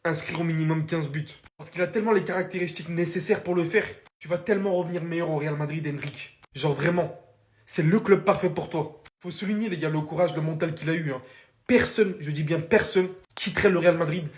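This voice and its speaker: A man's voice: fairly high pitch, fairly quick. A man giving casual, enthusiastic football commentary, emphatic and chatting straight to his viewers. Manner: emphatic, addresses viewers as guys.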